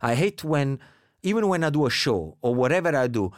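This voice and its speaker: Lively Italian-accented man. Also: medium pitch, brisk, no echo, studio quality. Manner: animated, laughs often, acts out quotes. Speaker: guest. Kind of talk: casual chat.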